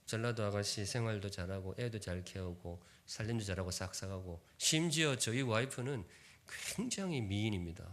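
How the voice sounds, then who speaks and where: A man's voice: medium pitch, a bit bright. A man in his fifties from Gyeongsan, preaching a sermon in Seoul speech with a trace of a Gyeongsang accent, humorous and drawing the congregation in with questions. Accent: Gyeongsang-tinged Seoul Korean. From Gyeongsan, North Gyeongsang, South Korea. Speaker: pastor. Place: church sanctuary.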